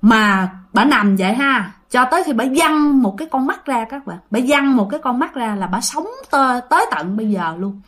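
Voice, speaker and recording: A woman's voice: a little high, expressive, moderate pace, fairly bright tone. A woman with a Southern Vietnamese accent, telling ghost stories in a chatty, casual way, repeating phrases and speaking straight to her listeners. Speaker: ghost story host. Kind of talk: casual spoken storytelling.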